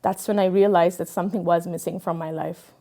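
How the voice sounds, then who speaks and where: Speaking on the low side, a little fast, with a steady and dark tone, this young woman who grew up in Dubai gives personal testimony in an interview. Her account is earnest and reflective, full of fillers and restarts.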